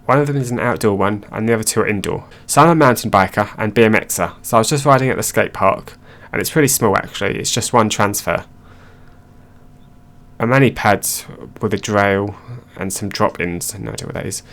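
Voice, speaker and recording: Male narrator, lowish voice, steady read-aloud delivery of online stories. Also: fairly quick.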